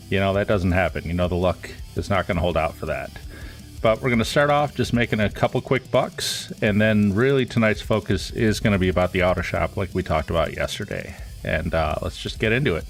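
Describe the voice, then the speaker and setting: A man with a very low voice talks through his game in a loose, rambling way as a streamer. He sounds stuffy and congested from a cold. Faint music plays behind him. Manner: casual, rambling, relaxed. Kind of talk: live gameplay commentary.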